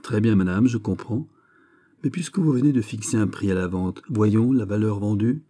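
A man's voice: on the low side, warm tone, close to an everyday voice. A man reading a cold calculating minister. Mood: guarded. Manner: measured, guarded and formal. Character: cold, calculating royal minister, greedy for revenge. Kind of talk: audiobook character reading.

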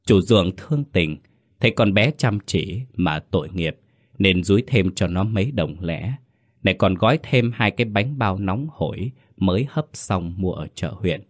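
A man narrating a scripted ghost story in a hushed, suspenseful way. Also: sits low, lively intonation, moderate pace.

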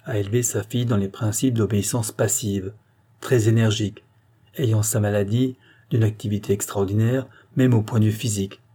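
A man narrating an audiobook in a measured, even reading. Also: fairly low pitch.

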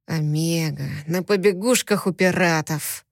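Brief: woman doing a dangerous, mocking male captive for an audio novel; low, slow and threatening, dry close sound. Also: no room sound, natural voice. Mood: menacing. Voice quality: deep low voice. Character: menacing powerful male alien captive, mocking.

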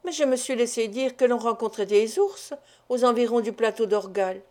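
Fretful timid old doctor, high-ish and pleading, put on by a woman narrator. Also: normal speed, a little mellow, natural voice. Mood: worried. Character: timid, complaining, tired older village doctor, small man.

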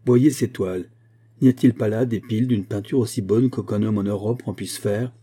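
A man reading aloud, voicing an excited young male painter who speaks in an emphatic, insistent way. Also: lowish voice, normal speed, breathy edge. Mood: indignant.

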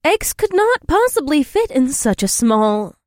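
A man's voice: extremely high pitch, big pitch swings, unhurried, no room sound, clean studio sound, voice pushed up, heavily acted. A man voicing a young warrior princess from another world, who speaks formally and without contractions. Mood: earnest, wondering.

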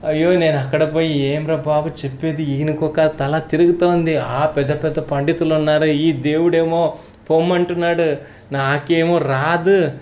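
A storyteller retelling a devotional legend in a conversational, lively way. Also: mid-range voice, moderate pace.

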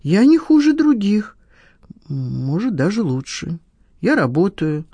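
Reader doing a whiny, defensive man in an audiobook, pitched up, lively swings. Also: slow, slightly rough, dry recording, exaggerated voice. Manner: aggrieved, defensive, whining. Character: whiny petty middle-aged man, self-pitying. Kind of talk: audiobook dialogue.

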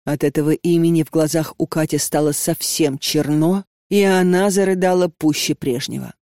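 A woman narrating an audiobook with a measured, even reading. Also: sits low, no echo, studio quality. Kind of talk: scripted narration.

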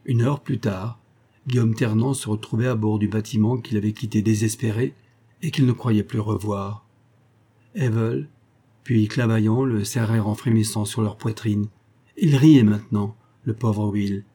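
A male narrator reading an adventure novel aloud at a measured pace. His voice is mellow and dark, with a husky grain. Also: lowish voice, steady tone. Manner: measured storytelling. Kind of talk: audiobook narration.

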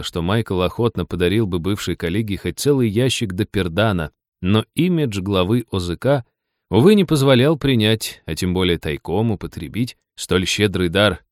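A man narrating an audiobook in an even, storytelling read. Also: deep voice, moderate pace, dry recording, studio quality. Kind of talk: scripted narration.

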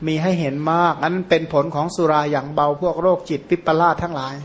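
A monk whose first language is Khmer, giving an informal, rambling Dhamma talk with many fillers and self-corrections. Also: male voice, on the high side, fairly even intonation, quick pace, a little hiss or hum. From Surin, Thailand. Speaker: Buddhist monk teacher.

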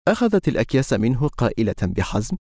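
A man narrating a novel as an audiobook reader, in a measured, steady reading. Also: mid-range voice, dry recording, clean studio sound. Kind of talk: scripted narration.

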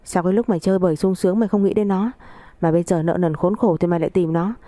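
A furious elderly father barking harsh scolding at his wayward son, as a woman narrator puts him on. The voice sits low and dark, and it comes quickly in angry bursts. It is a dry, close reading of a family story. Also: steady tone, dry recording, natural voice.

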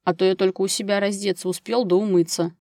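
A woman doing gruff, curt neighbor Gera. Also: medium pitch, steady tone, quick pace, a little mellow, no echo, clean studio sound, natural voice. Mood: blunt. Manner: curt, businesslike, bossy. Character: gruff blunt grown man, a practical ex-paramedic neighbor.

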